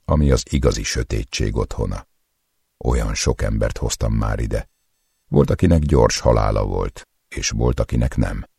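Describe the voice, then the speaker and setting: Very deep, husky male audiobook narrator. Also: mellow, no echo, clean studio sound. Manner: cold, measured, menacing. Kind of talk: first-person audiobook narration.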